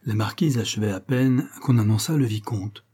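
A man narrating an audiobook of a classic story in a measured, literary reading style. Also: on the low side, mellow, breathy edge.

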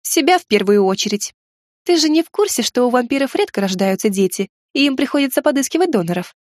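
A woman's voice: sits high, expressive, quick pace, no room sound, studio quality, pitched above the performer's own voice. A woman reading aloud, voicing a snappish, bitter young sorceress who shrieks and sulks.

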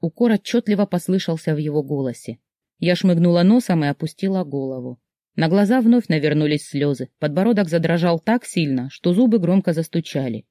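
A narrator reading a first-person story aloud with expressive, emotional delivery. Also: mid-range voice, fairly quick, no echo, clean studio sound. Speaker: audiobook narrator.

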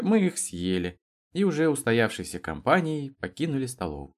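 A man narrating an audiobook in an expressive storytelling manner. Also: on the low side. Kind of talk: scripted narration.

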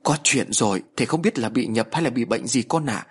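Man doing a worried old mother-in-law, cautious, husky. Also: medium pitch, animated, brisk. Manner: fearful, coaxing.

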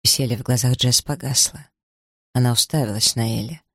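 Gravelly male audiobook narrator. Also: medium pitch, steady tone, a bit bright, no room sound, studio quality. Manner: measured, literary.

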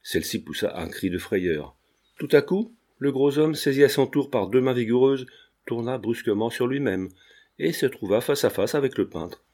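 A man reading a classic novel aloud as an audiobook narrator, in a measured, expressive way. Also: mid-range voice. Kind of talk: scripted narration.

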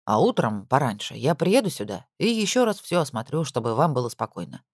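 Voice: mid-range voice, sing-song, no echo, pitched below the performer's own voice. A narrator doing a weary skeptical police captain. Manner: dry, laid-back, slow and reasoning.

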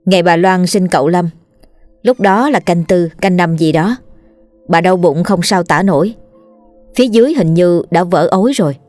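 A woman narrating a scripted horror story in a steady, measured reading. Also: fairly low pitch, dry recording, faint music behind.

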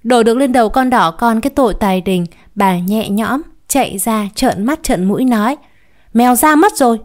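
A woman with a fairly high voice reads a short story aloud. Her narration is calm and measured, slipping into the characters when they speak. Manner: calm, even narration with acted dialogue.

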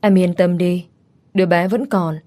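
A woman's voice: on the low side, fairly even intonation, a little slow, natural voice. Woman reading a doting young husband. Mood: caring. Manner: soft, caring, reassuring.

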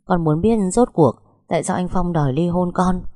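A woman's voice: lowish voice, normal speed, mellow, no room sound, studio quality, close to an everyday voice. A woman voicing a young pregnant wife who speaks hesitantly, stammering and pleading.

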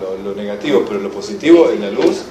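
A man with an Argentine accent giving an informal workshop lecture, emphatic and animated, often checking that the class follows. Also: on the low side, fast, background noise. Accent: Argentine Spanish. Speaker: enneagram teacher. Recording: echoey room, live class recording.

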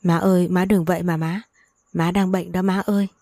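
A woman's voice: lowish voice, flat delivery, normal speed, warm tone, no room sound, studio quality, lightly acted. A woman reading the part of a desperate young servant woman pleading tearfully.

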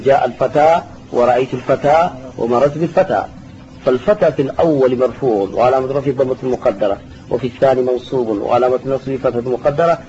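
Guy teaching a grammar class, repeats himself patiently, mellow voice, dull recording w faint hiss. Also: mid-range voice. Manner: patient, repeats terms, answers students. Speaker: sheikh teaching Arabic grammar. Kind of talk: classroom lesson explaining a text.

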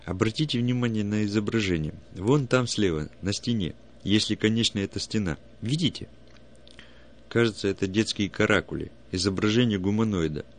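Worried, earnest alien biologist read by a man, low voice, storybook. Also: brisk, lightly acted. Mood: urgent. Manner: urgent, pointing things out.

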